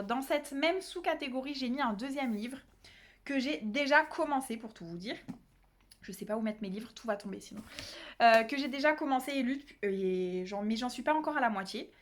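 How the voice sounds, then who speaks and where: Chatty young woman, fairly high voice. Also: animated, moderate pace. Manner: chatty, self-deprecating, many fillers. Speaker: booktuber. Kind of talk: casual book haul chat.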